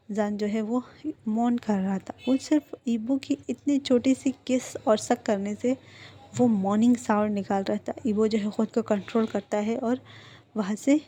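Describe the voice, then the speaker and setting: A woman's voice: fairly high pitch, dark tone. A woman narrating a romance story in a chatty, casual retelling. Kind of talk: casual fan-fiction narration.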